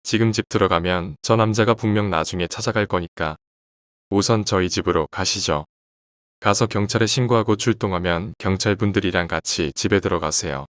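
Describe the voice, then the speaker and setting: A man voicing a calm, polite stranger who turns out to be a cold killer, in a horror story told in a quiet, composed way. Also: deep voice, a little fast, no echo, clean studio sound. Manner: quiet, composed, chillingly casual.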